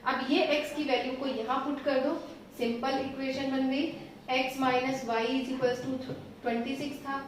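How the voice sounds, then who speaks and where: High-pitched lady math teacher walking thru problems, patient, echoey room, sounds a bit far from the mic. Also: fairly even intonation, slight background noise. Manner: patient, reassuring, slows down while writing. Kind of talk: explaining math solutions step by step.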